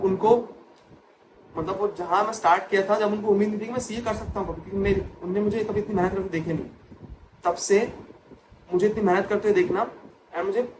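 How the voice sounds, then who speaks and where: High-voiced young man telling an emotional story. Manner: emotional, repeats phrases for emphasis, mixes English into Hindi. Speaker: chartered accountant and exam coach. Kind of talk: personal storytelling vlog. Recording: noisy background.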